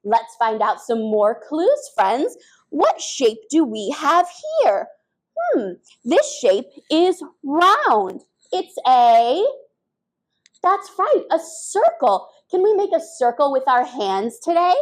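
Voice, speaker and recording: A woman's voice: high voice, sing-song, slow pace, rough recording. A young woman leading a children's storytime as a librarian, talking in an exaggerated, encouraging sing-song to small children.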